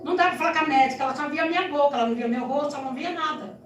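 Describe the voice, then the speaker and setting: A woman giving an emotional testimony in a church, telling her story in an animated way with frequent tag questions. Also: high-pitched, rapid-fire. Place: church sanctuary. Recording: echoey church hall, distant mic, soft music.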